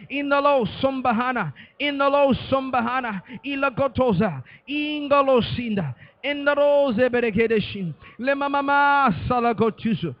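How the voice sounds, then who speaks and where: A man's voice: very high-pitched, dry recording, dull audio. A man leading fervent prayer, chanting repeated phrases in a rhythmic cadence and speaking in tongues. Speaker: prayer leader.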